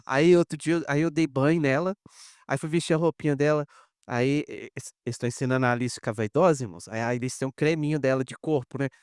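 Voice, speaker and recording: A Brazilian pastor preaching a conversational sermon, calling the congregation "brothers" and acting out short dialogues. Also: male voice, mid-range voice, fast, a little mellow, smooth, no room sound, studio quality. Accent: Brazilian Portuguese. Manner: conversational preaching, addresses "irmãos" often; acts out little dialogues in quoted voices.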